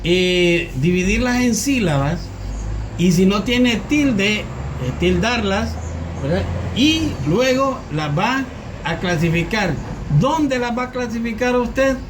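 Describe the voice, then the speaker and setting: A man teaching a recorded grammar lesson, asking questions and answering them himself, repeating key words slowly. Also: high-pitched, lively intonation. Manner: slow, repetitive, asks and answers his own questions. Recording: roomy, distant mic, faint noise.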